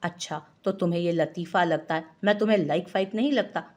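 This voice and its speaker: एक महिला कथावाचक एक शरारती, चिढ़ाने वाले युवा पति की आवाज़ पढ़ती है।. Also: female voice, fairly low pitch, brisk, darkish tone, lightly acted. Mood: teasing. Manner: teasing, mock-innocent. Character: playful young husband teasing his wife. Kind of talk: audiobook character voice.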